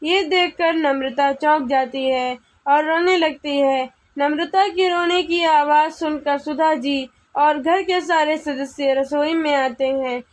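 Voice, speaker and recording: A woman's voice: high voice, slow, hardly any pauses. A woman narrating a family storybook tale in a scripted storytelling manner.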